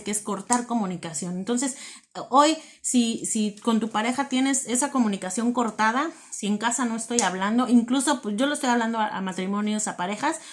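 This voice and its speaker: A woman preaches to couples in an earnest, conversational way. She talks freely rather than reading a script, pauses on fillers, and repeats key words for emphasis. Her voice sits at an ordinary middle pitch for a woman. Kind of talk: devotional talk.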